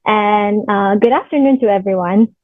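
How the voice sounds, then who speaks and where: A woman in her twenties from Singapore, a guest answering interview questions politely, with small pauses. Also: medium pitch, no echo. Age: 20s. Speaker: guest, pageant contestant. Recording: tinny phone-like line.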